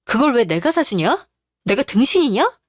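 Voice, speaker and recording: A pushy, entitled young man who always pleads his own case, as a woman voices him. The voice sits somewhat high for a man and sounds dry and close, in a radio drama. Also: sing-song, normal speed, no echo. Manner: pushy, self-pitying.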